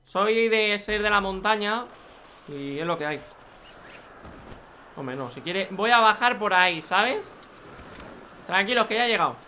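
A man's voice: sits high, expressive, unhurried, pauses often, bright, forceful tone, slight background noise. A young man, joking crudely and chatting casually as he plays a racing game. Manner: joking, crude, talks to himself and viewers. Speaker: gaming youtuber. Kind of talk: casual gameplay commentary.

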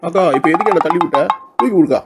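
A man playing a sharp-tongued young woman who mocks and picks fights in a comic village skit. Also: high voice, expressive, rapid-fire, loud music behind the voice. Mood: mocking. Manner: mocking, insolent, picks fights.

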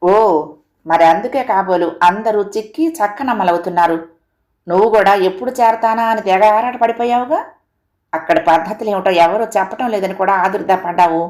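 A woman's voice: mid-range voice, brisk, a little mellow, lightly acted. A woman voicing an exasperated middle-aged husband in an audio story, asking blunt, impatient questions. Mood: teasing.

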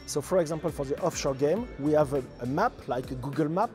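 A man's voice: on the high side, lively intonation, fast talker, darkish tone, faint music behind. A man answering interview questions in an exhibition hall, hesitant with many fillers and careful phrasing.

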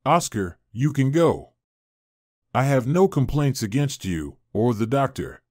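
A man's voice: mid-range voice, sing-song, unhurried, darkish tone, no room sound, clean studio sound. A man reading the part of a young woman just out of a coma, speaking in a slightly raised, emotional and weary voice.

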